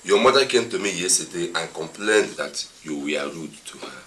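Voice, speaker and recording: An actor with a Nigerian accent playing a stern older church elder, measured and scolding. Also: male voice, deep voice, a little hiss or hum. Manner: measured, calming, then scolding. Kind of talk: film drama acting.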